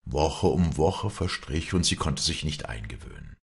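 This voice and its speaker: A man narrates a novel as an audiobook in a deep, gravelly voice. His tone is very husky, yet his pitch moves expressively. The reading is measured and storytelling. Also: animated. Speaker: audiobook reader.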